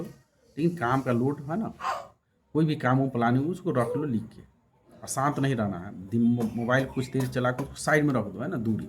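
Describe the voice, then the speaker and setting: A man with a Bihari accent, hosting his channel and giving casual spoken advice to viewers, who keeps adding friendly fillers like "bhai" and "hai na". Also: medium pitch. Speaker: channel host.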